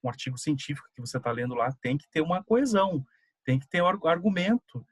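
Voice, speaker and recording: A man's voice: fairly high pitch, expressive, fast talker, slightly rough, no room sound. Man explaining in a chatty seminar talk. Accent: Brazilian Portuguese. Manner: conversational, explaining with examples and filler "né". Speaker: student presenter. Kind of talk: online seminar presentation.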